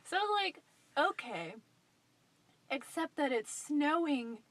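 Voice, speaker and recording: A woman in her twenties with an American accent tells a personal story to camera as a vlogger, chatty and playfully self-deprecating. Her high, sing-song voice is fairly bright and unhurried. She's in a parked car at night, filming on a phone held at arm's length, with no echo.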